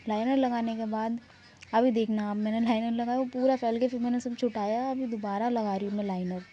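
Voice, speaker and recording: A woman's voice: on the high side, steady tone, fairly quick. Chatty young woman, slightly dull recording. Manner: chatty, rambling, self-mocking. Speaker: vlogger. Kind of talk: casual vlog voice-over narration. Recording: dull lo-fi sound, faint background noise.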